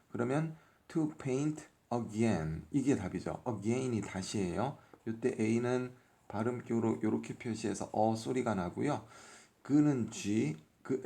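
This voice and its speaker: Slow, mellow-voiced male phonics teacher. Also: fairly low pitch, vocal fry. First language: Korean. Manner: sounds out letters one by one, patient and methodical. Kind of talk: workbook lesson explained step by step.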